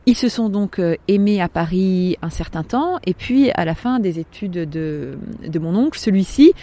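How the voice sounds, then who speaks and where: Hesitant woman with a mellow voice. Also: fairly low pitch. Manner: hesitant, with frequent pauses and restarts. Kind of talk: personal storytelling.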